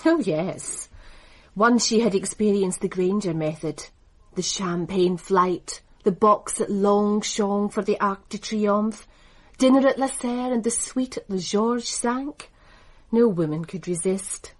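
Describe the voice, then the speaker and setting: Slow and mid-range, an actress's voice brings a radio drama's racing businesswoman to life. The poised character is cool and cutting, her lines delivered dry, composed and with crisp assurance.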